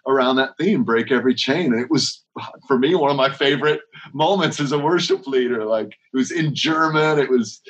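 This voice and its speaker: The audio is dull as a worship leader with a mid-range voice talks casually at a moderate pace in an interview. He rambles, often starts over, and leans on chains of rhetorical questions.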